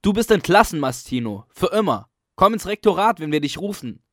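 A man reading a story, voicing a defiant young male student who shouts hoarsely and jeers. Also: sits high, sing-song, brisk, dry recording, studio quality, voice pushed up. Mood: triumphant. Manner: jeering, bossy shouting.

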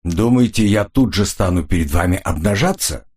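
A cool, sardonic tough guy from a hard-boiled audiobook, mocking and unbothered, as a male narrator reads him. The voice is husky and low, with lively pitch. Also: normal speed. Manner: ironic, sardonic.

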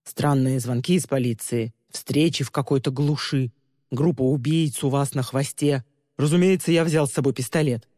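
Guy doing a calm sneaky driver dude, flat and unbothered, warm low tone. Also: moderate pace, no room sound, clean studio sound, long reverb tail, lightly acted. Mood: matter-of-fact. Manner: calm, flat and matter-of-fact, coolly menacing. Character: cool, scheming young man driving a limousine.

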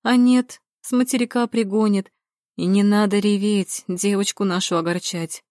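A woman's voice: mid-range voice, steady tone, normal speed, darkish tone, no room sound, clean studio sound, lightly acted. A woman voicing a bossy, motherly older housekeeper who talks in a raised, scolding but cheerful tone. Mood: reassuring scold.

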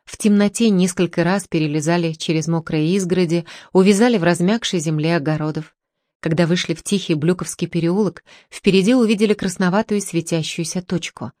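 Calm woman reading an audiobook. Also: fairly low pitch, a little fast, no room sound, studio quality. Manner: calm, steady literary reading. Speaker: narrator. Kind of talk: audiobook narration.

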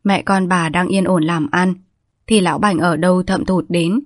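A woman reading a story aloud as a calm, measured storyteller. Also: on the low side, no echo, clean studio sound. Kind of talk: scripted narration of a story.

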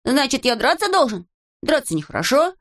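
A woman voicing a boastful, stubborn little gnome boy in an audiobook, in a high, excitable and defensive voice. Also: a little fast, full character voice. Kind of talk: audiobook character voice.

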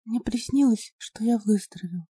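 A woman's voice: a little high, moderate pace, dark tone, breathy edge, dry recording. A woman voicing a frail, sick little boy who speaks faintly, almost in a whisper.

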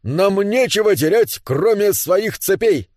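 A man voicing a grumpy, touchy male gnome miner with an indignant, shouty way of talking in a storybook reading. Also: high voice, lively intonation, a little slow, dry recording, studio quality, voice pushed up.

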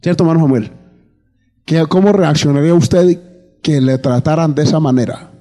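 A man preaches a sermon in a fairly high, mellow voice and acts out the voices of the characters as he tells the story. His voice rings through a hall with long reverb, and faint music plays underneath. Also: moderate pace. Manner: storytelling, acting out both sides of a dialogue. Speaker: pastor.

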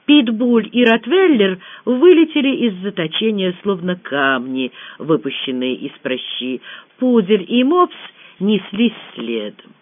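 An audiobook reader telling a novel aloud with expressive delivery. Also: mid-range voice, a little slow. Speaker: audiobook narrator. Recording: tinny phone-like audio.

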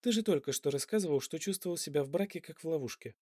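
A man's voice: on the high side, animated, fast, mellow, no room sound, studio quality. A man voicing a spirited, stubborn young woman who answers with indignant, ironic retorts in an audiobook. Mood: teasing.

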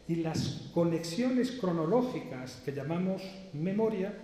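A man lectures at a seminar in a mellow, fairly high voice, building his points through chains of rhetorical questions. He pauses often and hesitates mid-sentence. The sound is roomy, with a long hall reverb trailing each phrase. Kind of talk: philosophical lecture. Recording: echoey hall, distant reverb.

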